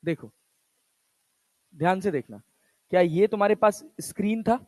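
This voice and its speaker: A man's voice: high-pitched, a little fast, a little mellow, no echo. A male physics teacher giving a lecture, firing questions at his students and answering them himself, in a casual, chatty way. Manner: casual, chatty teacher talk in Hindi with English terms. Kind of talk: classroom lecture.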